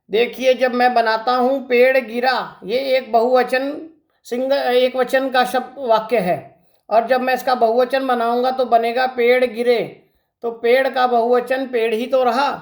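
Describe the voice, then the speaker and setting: A man's voice: very high voice, vocal fry. A male teacher giving an exam-prep grammar lesson, explaining step by step and asking rhetorical questions. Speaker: Hindi teacher.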